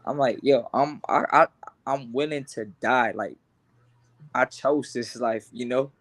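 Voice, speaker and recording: A young adult boxer who grew up between Los Angeles and Honduras speaks as an interview guest, his medium-pitched voice fairly bright and a little slow. He's earnest and casual, often repeating words as a thought begins.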